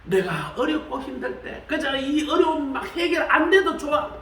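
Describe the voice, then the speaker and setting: Man, pastor, sermon, bright tense voice, faint background hum, echoing sanctuary. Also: normal speed, far from the mic. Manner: animated, acts out quoted voices with shifts of pitch; colloquial, repeats "말이죠". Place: church sanctuary.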